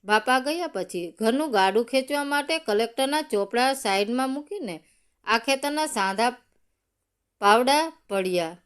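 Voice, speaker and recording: A woman voicing a poor male farm laborer who talks in a folksy, gently joking way. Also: a little high, lively intonation, normal speed, clear, resonant tone, lightly acted. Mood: humble, teasing.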